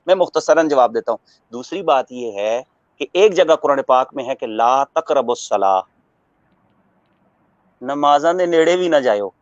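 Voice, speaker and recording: A man giving a religious talk as a scholar, preaching in a measured way, quoting Arabic verses and explaining them with everyday examples. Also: medium pitch, lively intonation, no echo. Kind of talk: religious talk on a radio broadcast. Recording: muffled radio broadcast audio.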